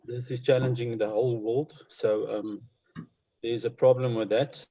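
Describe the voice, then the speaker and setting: Low-voiced Namibian man, muffled recording. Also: flat delivery, a little slow, dark tone. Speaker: conservationist interviewed as guest. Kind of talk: informal panel interview. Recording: dull lo-fi online call audio.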